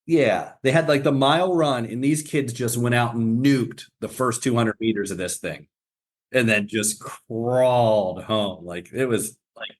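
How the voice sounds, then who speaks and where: A man's voice: mid-range voice, measured pace. A man from southwestern Pennsylvania hosting a running podcast, asking casual questions and often restarting them. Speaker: podcast host.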